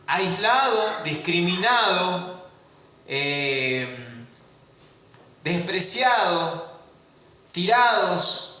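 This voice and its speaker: High, bright-voiced preacher in an echoey church. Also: male voice. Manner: asks the congregation rhetorical questions, stretches key words. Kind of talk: sermon.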